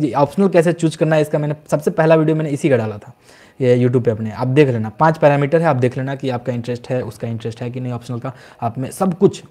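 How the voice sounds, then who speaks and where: A young man running a relaxed live question-and-answer stream for exam students. His voice is mellow and dark in tone at an ordinary middle pitch. He talks in a chatty way, answering viewer comments one by one and slipping English phrases in as he goes.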